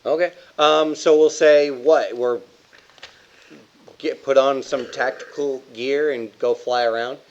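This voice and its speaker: A man's voice: mid-range voice, fairly even intonation, slow, muffled recording. Jokey man playing a tabletop game. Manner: jokey, thinks aloud in long sentences. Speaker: player. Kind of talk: casual chat while playing a tabletop game.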